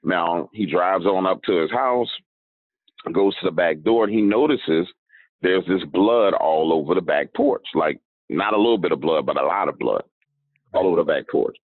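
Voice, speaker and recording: A man, a podcast guest, telling a long story in a relaxed, conversational way, often checking in with "right?". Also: deep voice, no room sound. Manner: unhurried storyteller, leaning on "right?" and "um". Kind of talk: casual storytelling. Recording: dry tinny phone-like line.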